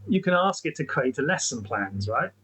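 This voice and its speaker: A man's voice: mid-range voice, sing-song, normal speed, sharp tone, slight background noise, rough recording. A man talking through a screen-recorded tutorial in a chatty, rambling way, restarting sentences and saying "okay, so" often. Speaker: tech educator.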